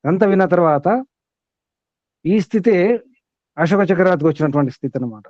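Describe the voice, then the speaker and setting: A man's voice: sits high, animated, brisk, no room sound, lo-fi sound. A man teaching a spiritual discourse to students, asking them many rhetorical questions in an emphatic way.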